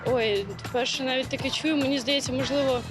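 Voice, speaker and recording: A woman with a high voice answers a street quiz, hesitating and thinking aloud before she replies. Loud music plays over the street recording. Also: steady tone, fairly quick. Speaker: passer-by answering.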